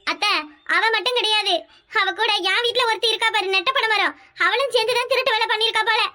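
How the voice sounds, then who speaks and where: A woman's voice: extremely high pitch, fast, bright, forceful tone, dry recording, clean studio sound. A woman voicing a sly young daughter-in-law in a cartoon, with a Kanyakumari Tamil accent, who tattles and stirs up trouble. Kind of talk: cartoon voice acting.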